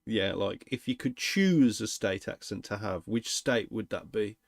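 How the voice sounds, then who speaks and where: A man, co-hosting a livestream in relaxed, chatty conversation. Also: lowish voice, measured pace, vocal fry, no room sound, clean studio sound. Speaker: livestream co-host. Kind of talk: casual chat.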